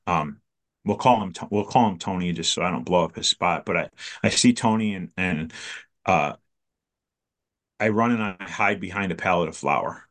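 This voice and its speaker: Low-voiced man telling a story. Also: a bit bright. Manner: conversational storyteller who acts out dialogue, halting with restarts. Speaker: person sharing a recovery story. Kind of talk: personal storytelling.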